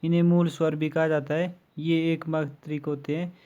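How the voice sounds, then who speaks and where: Guy teaching grammar for exams, mellow voice, pretty flat delivery, goes through letters one by one. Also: on the high side, dull audio. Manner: slow, methodical listing with examples. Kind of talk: exam-prep grammar lesson.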